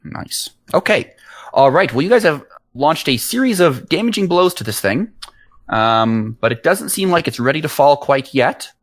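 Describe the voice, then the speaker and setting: A man's voice: on the high side, expressive, normal speed, no echo. Laid-back man running a tabletop game. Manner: easygoing, explains rules at length. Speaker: game master.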